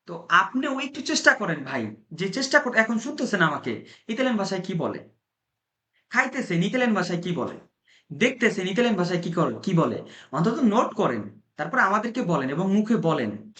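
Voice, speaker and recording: A man's voice: high voice, sing-song, brisk, fairly bright tone. A man from Bangladesh teaching an informal language class, coaching his listeners and repeating key points. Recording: roomy echo.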